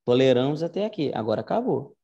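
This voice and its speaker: A man's voice: medium pitch, sing-song, fast, creaky, warm tone, dull audio. A man giving a casual online Latin lesson, explaining step by step and often checking in with "né?". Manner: conversational, explains step by step with frequent "né?". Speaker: Latin teacher.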